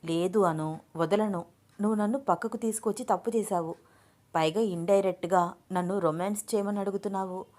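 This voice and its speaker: A playful, affectionate young husband from a storybook romance who coaxes and teases his bride, as a woman narrator puts him on. The voice sits at an ordinary middle pitch and speaks with fond, joking warmth. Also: steady tone, brisk, lightly acted. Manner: teasing, affectionate.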